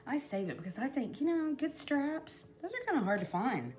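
A woman's voice: high voice, big pitch swings, normal speed, darkish tone. A middle-aged woman, chatting in a rambling way while she shows a craft project at home, with lots of "you know". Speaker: craft vlogger. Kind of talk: casual crafting demo talk. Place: indoors at a craft table in a home.

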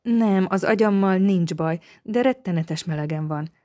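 A woman's voice: fairly low pitch, mellow, lightly acted. A woman voicing a feverish, weak young woman who pleads faintly to be cared for. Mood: weak pleading.

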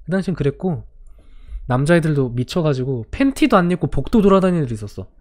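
Hoarse man telling school stories. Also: on the high side, big pitch swings, quick pace. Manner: storytelling, acting out quotes with swings in loudness. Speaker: streamer. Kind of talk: casual radio-style chat stream.

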